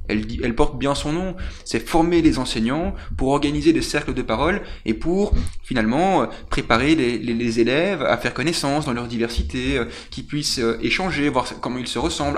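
A young man answering a political interview earnestly, with frequent restarts, at a studio desk microphone. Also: medium pitch. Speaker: political candidate. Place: small TV studio.

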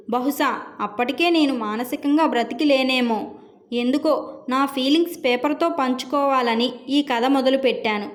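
A woman reading a first-person story aloud in a measured, sorrowful way. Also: sits high. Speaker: story narrator.

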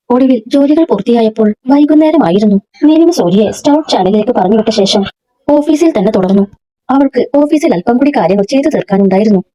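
A woman narrating a serialized story in a steady, even reading voice, in a dull lo-fi recording. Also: on the high side.

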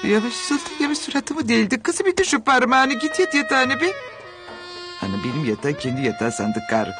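A man's voice: very high-pitched, very animated, fairly quick, over music. A man playing a middle-aged mother in a television sitcom, exclamatory, sarcastic and dramatic. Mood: exasperated.

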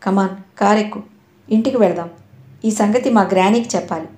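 A lovesick, well-off young man begs and insists in this audio novel, voiced by a woman narrator. His voice is mellow and soft-edged. It sits in a roomy, echoing space. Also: mid-range voice, normal speed, close to an everyday voice. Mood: overjoyed. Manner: pleading and insistent. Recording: roomy echo.

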